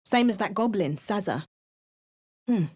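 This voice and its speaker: A woman voices a self-assured young adventurer, the player character, delivering game voice lines with dry, wry asides. Her medium-pitched voice is animated, a little slow, slightly mellow and husky.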